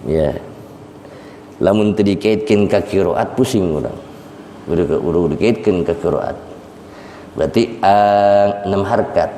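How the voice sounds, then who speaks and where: A man teaching a Quran exegesis lesson, slowly repeating and drawing out recitations for his students. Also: low-pitched, dark tone, slight background noise. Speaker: Islamic teacher. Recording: echoey hall, faint ambience.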